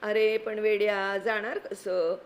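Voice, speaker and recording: A woman voicing a skeptical, sharp-tongued girl in a storybook reading, scolding and exclamatory. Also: mid-range voice, flat delivery, slow, natural voice.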